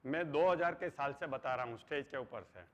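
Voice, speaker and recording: Speaking briskly at medium pitch, a middle-aged man gives a sincere motivational talk as a trainer, slipping English phrases in as he goes. The audio is dull, carrying a long reverb from the hall.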